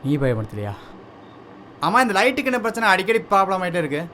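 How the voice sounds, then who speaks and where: A man's voice: high-pitched, sing-song, fast talker, slight background noise, exaggerated voice. A man playing a nervous young man who keeps asking worried questions. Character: anxious young man haunted at night. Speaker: young man in a haunted house. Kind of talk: short film acting. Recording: film soundtrack with loud music. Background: film score.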